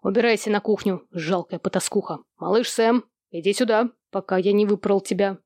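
A woman voicing a domineering middle-aged father in an audiobook, who speaks slowly and harshly. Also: medium pitch, darkish tone, dry recording, studio quality, lightly acted. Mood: furious. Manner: slow, lecturing, harsh.

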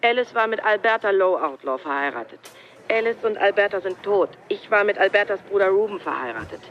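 An actress playing a former sister-in-law who calls in a tip, laying out family ties in a matter-of-fact way in a radio play. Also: female voice, mid-range voice, expressive, fairly quick, muffled recording, lightly acted. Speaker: caller.

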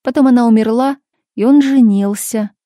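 A cold, touchy older mother, as a woman reader puts her on snaps back in raised, indignant bursts, pitched higher than the narration around her. The tone stays dark and mellow. It is recorded dry and close, with no room sound. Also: moderate pace, dry recording, natural voice. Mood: defensive.

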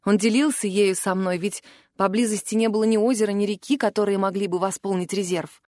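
A woman narrating a first-person fantasy audiobook in an expressive, emotional way. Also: medium pitch, a little fast, no echo, clean studio sound.

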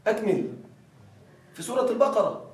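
A male teacher leads a grammar class and keeps prompting his students to finish his sentences. His voice sits a little high and carries through a roomy, echoing classroom. The mic picks him up from some distance. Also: sing-song. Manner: quizzes students with fill-in-the-blank prompts; slow, stressed reading of example phrases. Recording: echoey room, distant mic.

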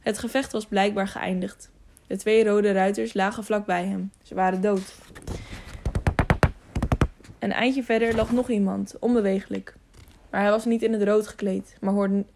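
Audiobook narrator, woman, gravelly mid-pitched voice, steady storytelling read. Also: normal speed, slight background noise. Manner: steady reading with occasional self-corrections. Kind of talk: scripted narration of a children's adventure novel.

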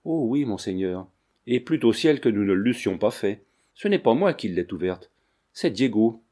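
A man's voice: fairly low pitch, sing-song, warm tone. A frightened rambling servant, read by a man. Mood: fearful. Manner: halting, deferential and fearful.

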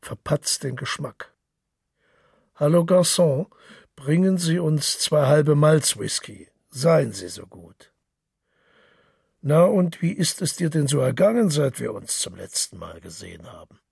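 A man voicing a boisterous, hard-drinking middle-aged male journalist, loud and boastful, with a gravelly, raspy voice. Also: fairly high pitch, sing-song, unhurried, no echo, studio quality, voice pushed up, full character voice. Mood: hearty.

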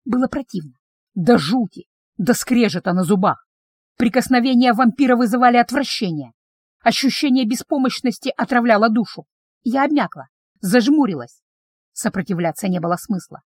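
A woman's voice: on the high side, animated, normal speed, a little mellow, husky, no echo. A woman narrating a novel in the first person as an audiobook reader, in an intimate, tense storytelling manner, close to the microphone.

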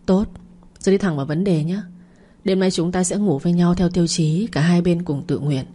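A woman's voice: lowish voice, fairly even intonation, moderate pace, warm tone, slightly rough. A woman voicing a stern, powerful rich man who speaks curtly and commandingly. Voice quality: stern, curt.

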